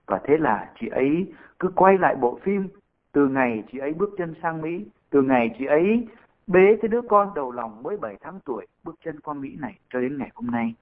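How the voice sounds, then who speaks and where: Priest man preaching a homily, kinda high voice, tinny phone-like sound. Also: animated, fairly quick. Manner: storytelling, addresses congregation. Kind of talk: sermon.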